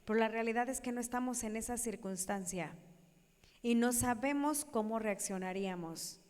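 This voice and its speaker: A woman giving a lively sermon talk, acting out voices and asking her audience questions. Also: fairly high pitch, moderate pace. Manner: animated, acts out quoted voices, questions the audience. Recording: echoey hall.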